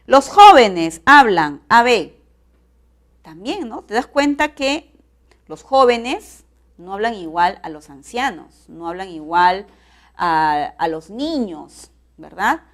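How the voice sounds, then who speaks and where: A woman's voice: mid-range voice, sing-song, slow pace. A woman teaching a recorded class, explaining step by step and often checking in with tag questions.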